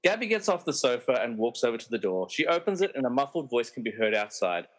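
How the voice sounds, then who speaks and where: Very animated and fast-talking, this mid-range male voice comes through a rough recording. He delivers scripted comedy narration for a podcast radio play and hosts its quiz with playful, tongue-in-cheek chatter.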